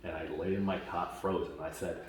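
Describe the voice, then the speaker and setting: A low-voiced man from Washington state tells his story casually, with fillers and a lively retelling. He sounds far from the mic in a very echoey space. A faint hiss of noise sits under his voice. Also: a little fast. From Washington state, USA. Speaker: camp attendee giving a testimonial.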